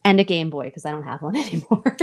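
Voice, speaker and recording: A woman's voice: deep voice, lively intonation, fast talker. A woman co-hosting a podcast, chatting casually in an informal, slangy, exclamatory way. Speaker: podcast co-host. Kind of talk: casual chat.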